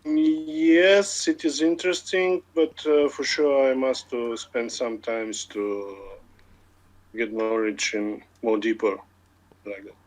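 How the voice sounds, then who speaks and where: A man in his forties from Bulgaria with a Bulgarian accent, an automation engineering lead speaking in a casual online meeting, hesitant with many filler pauses. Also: medium pitch, fairly even intonation, low-quality recording. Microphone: computer mic on a video call.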